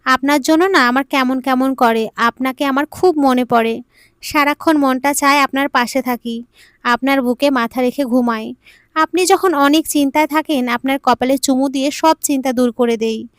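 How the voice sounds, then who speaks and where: A woman's voice: high voice, moderate pace, dry recording, studio quality, natural voice. A woman voicing a naive, playful young girl bride who chats in a childlike, innocent way. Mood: sweet, pleading.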